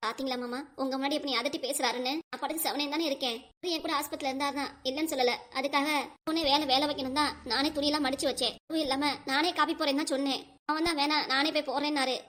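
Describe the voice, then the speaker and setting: A woman's voice: high voice, steady tone, rapid-fire, a bit bright. A woman voicing a complaining middle-aged village wife who pleads in a whiny, self-pitying way in a cartoon. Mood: aggrieved.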